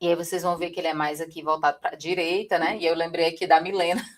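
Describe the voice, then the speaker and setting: A woman's voice: lowish voice, fast talker. A woman from Brazil teaching a live online writing class, talking straight to her viewers and often checking in with them. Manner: lively, addresses viewers directly, frequent "tá?" check-ins.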